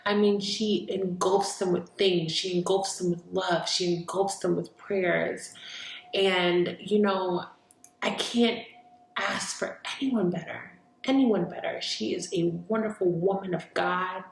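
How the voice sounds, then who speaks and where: A woman's voice: lowish voice, fairly even intonation, slow, gravelly, slight background noise. A woman telling a personal story in an earnest, heartfelt way, speaking openly about her faith. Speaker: vlogger sharing a personal story. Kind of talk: casual storytelling monologue. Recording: echoey room.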